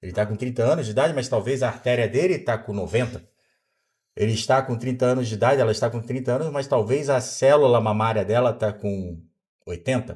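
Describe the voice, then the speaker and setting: This podcast guest, a Brazilian doctor in his fifties, has a mid-range, slightly mellow voice. He talks in an explanatory, teacherly way throughout the interview, putting rhetorical questions to himself and answering them.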